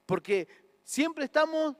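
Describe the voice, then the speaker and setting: A man preaching a sermon with an Argentine accent, swinging from soft talk to impassioned shouting. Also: very high-pitched, expressive, slow pace, dry recording, in a large hall. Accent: Argentine Spanish. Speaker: pastor.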